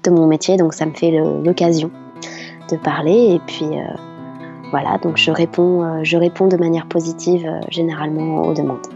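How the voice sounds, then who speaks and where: A middle-aged voice actress telling stories in an interview, chatty and hesitant with many fillers. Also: female voice, sits low, little pitch movement, moderate pace, mellow, soft background music. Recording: slightly dull lo-fi sound.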